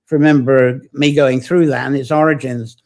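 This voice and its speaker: A man hosts a live online folklore session, chatting informally, wandering off on tangents, and pausing to greet viewers and read their comments. His medium-pitched voice is steady, fairly quick, a little mellow, with some vocal fry.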